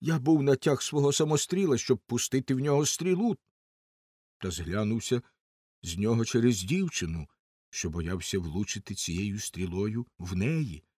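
A man reading an audiobook and voicing a rough outlaw yeoman, who talks in a blunt and forthright way. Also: mid-range voice, expressive, moderate pace, darkish tone, no room sound, clean studio sound. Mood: telling.

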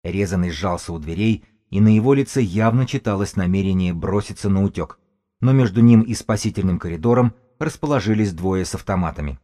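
A man narrating an audiobook in a steady, even storytelling manner. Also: sits low, fairly quick.

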